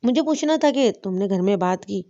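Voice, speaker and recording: A woman's voice: mid-range voice, animated, mellow, natural voice. A woman voicing a selfish, manipulative young husband who presses and coaxes, on a dull lo-fi recording. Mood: pressing. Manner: pressing, coaxing.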